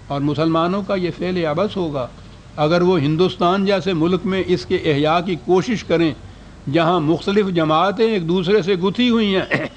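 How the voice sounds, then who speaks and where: A man's voice: sits high, slight background noise. An older man giving a scholarly lecture, reading out historical quotations and putting rhetorical questions to his audience.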